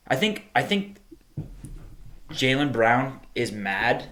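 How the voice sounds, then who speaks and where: A man's voice: medium pitch, sing-song, takes it slowly, a bit bright. A man co-hosting a podcast, chatting casually about sports and constantly qualifying his opinions. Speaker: podcast co-host.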